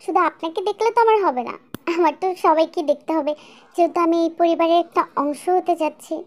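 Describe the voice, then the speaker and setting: A woman's voice: very high-pitched, fast talker. A woman voicing a polite young bride who speaks in a formal, respectful way. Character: polite young bride meeting her in-laws.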